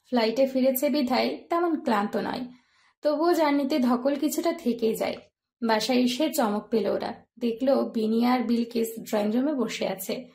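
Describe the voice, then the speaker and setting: A woman narrating a romance story in a soft, even storytelling voice. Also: a little high, creaky.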